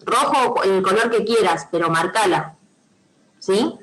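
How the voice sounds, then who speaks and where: A woman's voice: mid-range voice, animated, unhurried, fairly bright tone, a little hiss or hum, rough recording. A woman teacher with a Rioplatense Spanish accent giving patient step-by-step instructions to pupils on a video call, checking often that they follow. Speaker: primary school teacher. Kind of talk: online class instruction.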